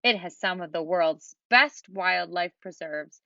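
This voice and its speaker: A woman's voice: lowish voice, unhurried, vocal fry, no echo, heavily acted. A woman voicing Santa Claus as a jolly older man and kindly guide, explaining places cheerfully in a dull, dry, lo-fi recording. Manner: warm, explaining, gently cheerful.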